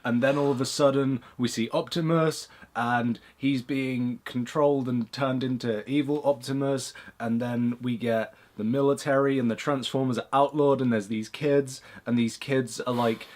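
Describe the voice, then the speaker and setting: A man's voice: mid-range voice, steady tone, normal speed, hardly any pauses, darkish tone. A man hosting a casual movie review chat, blunt and rambling, with plenty of fillers and swearing.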